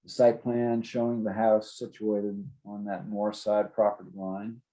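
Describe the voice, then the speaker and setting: A man's voice: lowish voice, monotone, measured pace, warm tone, rough recording. A man giving an informal, explanatory presentation as city zoning staff, plain-spoken and a little hesitant.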